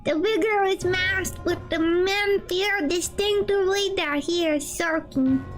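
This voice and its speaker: A woman's voice: very high-pitched, a little slow, faint music behind. A woman streamer reading a game's narration aloud in a storybook manner, with giggles between lines.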